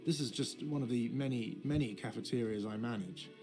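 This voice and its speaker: A man's voice: mid-range voice, fairly quick, music in the background, close to an everyday voice. An actor voicing a grumpy, money-minded male cafeteria manager in a video game, curt and irritable.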